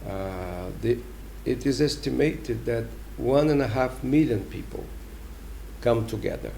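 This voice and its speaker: A man with a Brazilian accent answering interview questions as a diplomat, explaining deliberately and emphatically with pauses. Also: mid-range voice, creaky, dark tone, slight background noise. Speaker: ambassador giving an interview.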